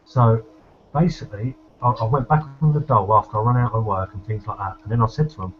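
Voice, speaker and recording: A man's voice: fairly low pitch, fast. A man telling a story bluntly in everyday slang during a casual group discussion. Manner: blunt, colloquial, swears. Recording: dull lo-fi recording.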